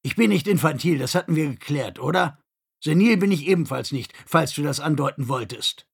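A man's voice: on the high side, animated, takes it slowly, vocal fry, breathy edge, exaggerated voice. A male narrator voicing a worn-out, stubborn man with a scratchy voice, in an audiobook. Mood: indignant. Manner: defiant.

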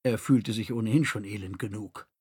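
Man, audiobook narration, husky voice, measured reading. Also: lowish voice, mellow.

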